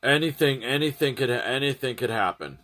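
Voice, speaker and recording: A man's voice: medium pitch, animated, a little fast, pushed and bright. Rambling man chatting to his stream. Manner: rambling, restarts and repeats phrases. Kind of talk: casual chat to a livestream audience.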